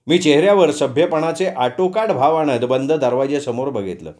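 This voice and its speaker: A man narrating a story in the first person, expressive and conversational, with asides to his listeners. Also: fairly high pitch, normal speed.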